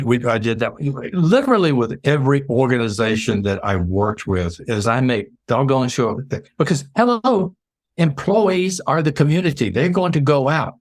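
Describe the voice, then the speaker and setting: An older man, a public relations veteran, telling stories in a casual interview with lively restarts. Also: medium pitch, dry recording. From United States. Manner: animated storyteller, many restarts.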